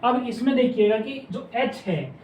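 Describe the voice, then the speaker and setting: A man teaching a shorthand class, explaining step by step and slowly repeating each word, asking questions back to his students. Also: extremely high pitch, animated, a little mellow, distant mic, slight background noise. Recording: echoey room, mic some way off.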